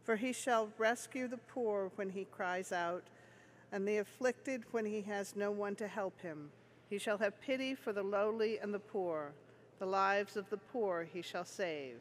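Woman, liturgical lector, measured formal reading, medium pitch, solemn scripture style. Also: in a large hall, slight background noise.

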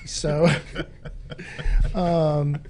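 A middle-aged man with a voice pitched a touch above most men's, talking loosely in a casual chat. He rambles, jokes and laughs often, and sounds like a veteran police training officer. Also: level tone, very slow, dark tone, slight background noise.

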